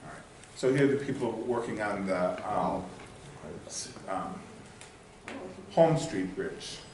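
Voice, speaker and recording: Man, lowish voice, casual rambling history talk, echoey far mic in a meeting hall. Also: expressive, slow pace, noisy background. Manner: rambling, searches for words with many fillers. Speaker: local history presenter.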